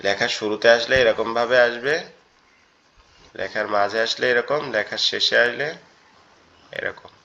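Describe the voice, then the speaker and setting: A man leads an online lesson on Arabic letters, with a mid-range voice. He explains patiently and repeats each point slowly. The sound is dull and lo-fi, like a web class. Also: mid-range voice, steady tone, creaky, bright, forceful tone. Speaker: Quran teacher.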